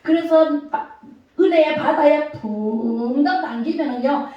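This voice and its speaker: A high-pitched woman preacher delivering a lively sermon, tossing questions to her congregation and acting out loud cries. Her voice booms around a very echoey church hall and sits well back from the microphone. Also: slow pace, far from the mic, highs cut off. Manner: lively, calls out questions to the congregation, acts out shouting. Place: church sanctuary.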